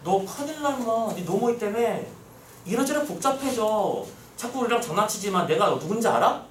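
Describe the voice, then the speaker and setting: A man voicing an arrogant male minister who bullies and threatens a servant in a rough, bossy way. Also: sits high, lively intonation, brisk, reverberant, far from the mic, slight background noise. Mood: threatening. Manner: rough, bullying.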